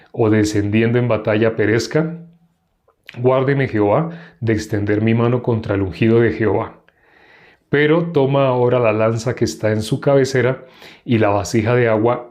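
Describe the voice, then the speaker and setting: A man reading the part of David, a young warrior pleading with a king, in a slow, measured, earnest way. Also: medium pitch, darkish tone, lightly acted.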